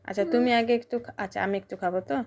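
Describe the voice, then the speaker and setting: A woman's voice: medium pitch, fairly even intonation, fast talker, a little mellow, a little hiss or hum. A woman, a mother, chatting playfully with her toddler in a home vlog and coaxing him with question after question. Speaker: mother and vlogger. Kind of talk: casual chat with her toddler.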